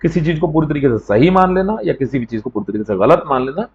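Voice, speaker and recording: A man's voice: fairly high pitch, lively intonation, fast talker, a little mellow, lo-fi sound. A man teaching an exam coaching lecture in a conversational way, often checking with "right?" as he explains.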